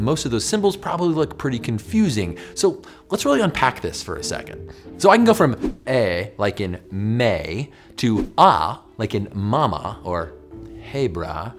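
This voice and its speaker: An American man in his forties presenting a scripted but conversational educational explainer in an emphatic, animated way. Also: mid-range voice, a little fast, faint music behind. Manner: animated, emphatic, demonstrating mouth sounds. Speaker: host of an educational science show. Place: small furnished indoor studio with bookshelf.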